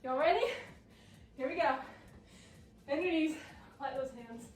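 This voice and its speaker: A woman's voice: high-pitched, a little slow. A woman fitness coach leading a workout while doing it herself, out of breath and encouraging. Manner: encouraging, breathless between exercises. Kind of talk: workout instruction. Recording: roomy sound from a distance.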